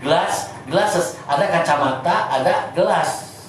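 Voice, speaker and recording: A man with a Sundanese accent teaching an informal class, chatty and halting, often repeating words. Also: a little high, a crowd in the background. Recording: echoey room, distant mic, faint noise.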